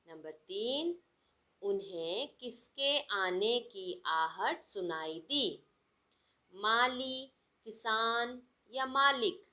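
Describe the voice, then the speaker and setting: A woman's voice: mid-range voice, a bit bright. A woman teaching a lesson to young children, who asks a question and then answers it and stresses each word as she reads lists aloud. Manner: stretches words out and stresses them while reading word lists. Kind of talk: slow, deliberate classroom lesson for young children.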